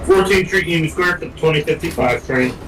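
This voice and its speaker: A man's voice: on the high side, fairly quick, music in the background. A man on a two-way radio that breaks up, giving clipped station and time reports as a train crew member. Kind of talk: terse radio callouts. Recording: distant echoey radio transmission.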